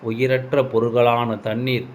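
A man's voice: mid-range voice, little pitch movement, a little slow, a little hiss or hum. A man giving a devotional message in the voice of the goddess, speaking solemnly and addressing the listener directly as her child.

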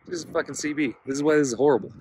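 A radio gear reviewer with a rather high, slightly mellow voice talks rapid-fire while casually field-testing outdoors on a mountain top. He's blunt and grumbling, and the recording is noisy with radio interference.

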